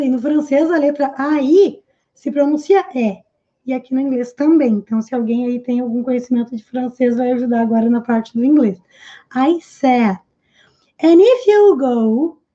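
A Portuguese-speaking woman teaching English in a live lesson, explaining phrases and repeating them slowly. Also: high voice, warm tone, muffled recording.

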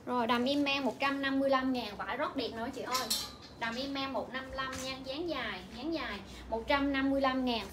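A young woman with a Vietnamese accent pitches clothes live from a shop, her voice high and bright. She repeats each price again and again in a brisk selling patter. Clear background noise from the shop runs under her. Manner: repetitive, rapid-fire price calling. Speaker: livestream clothing seller. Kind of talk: livestream sales pitch.

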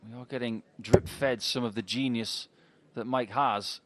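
A middle-aged man provides darts analysis as co-commentator in a medium-pitched voice. He is chatty, trading banter between observations, with clear background noise around him. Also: fairly even intonation, a little slow. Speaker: sports co-commentator.

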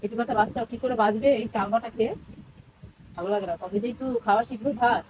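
Fast-talking woman vlogging with her child. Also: fairly high pitch, darkish tone, slight background noise. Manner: coaxing, sing-song talk to a small child. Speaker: family vlogger. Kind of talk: casual family vlog to viewers.

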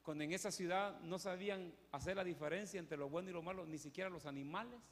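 A man's voice: sits high, fast, close to an everyday voice. A man preaching in a church, speaking as God, who patiently questions and reasons with a sulking prophet. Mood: reasoning. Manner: calm, probing questions, reasoning. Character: patient questioning God, calm fatherly male. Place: church hall. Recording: echoey church hall.

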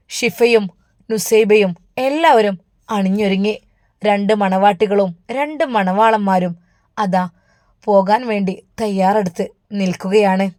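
A woman with a Malappuram accent narrating a story in an emotional, hushed way. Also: medium pitch, no echo. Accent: Malappuram Malayalam.

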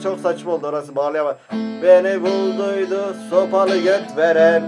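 A man's voice: high voice, steady tone, music in the background. A young man talking and improvising a crude, playful song. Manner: slow, crude, playful singing. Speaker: gaming video host. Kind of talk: joking talk and improvised song over guitar.

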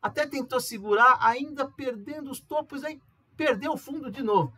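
A Brazilian man with a husky, fairly high voice talks through price charts in a relaxed, chatty way, checking in with listeners as he goes. He slips into a livelier tone when he acts out what a viewer might ask. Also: moderate pace. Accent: Brazilian Portuguese. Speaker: amateur trader giving a chart tutorial. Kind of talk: casual screen-recorded tutorial.

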